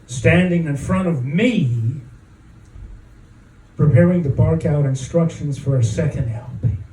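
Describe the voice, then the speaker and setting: A man reading a spoken-word story at an open mic, with a deliberate, halting, dramatic delivery and drawn-out pauses. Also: on the high side, warm tone. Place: echoing room at an open mic event. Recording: roomy, distant mic, faint background noise.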